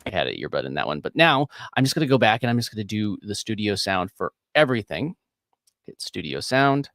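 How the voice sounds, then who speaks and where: A man's voice: on the low side, big pitch swings, a little fast, a bit bright, no room sound, studio quality. A man hosting a live screen-share editing tutorial, talking casually and rambling with frequent chuckles. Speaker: host.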